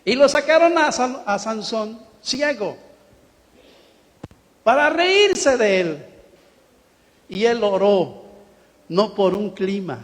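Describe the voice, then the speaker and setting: A man's voice: high voice, lively intonation, slow, long pauses. A man preaching a sermon in a church hall, acting out the quotes he tells and laughing now and then. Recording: long hall reverb.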